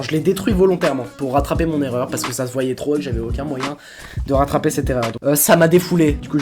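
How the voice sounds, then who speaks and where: A young man casually commenting on his own sketchbook drawings, rambling and poking fun at his own work. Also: a little high. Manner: self-mocking, jokey, chatty with many fillers. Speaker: vlogger showing his sketchbook.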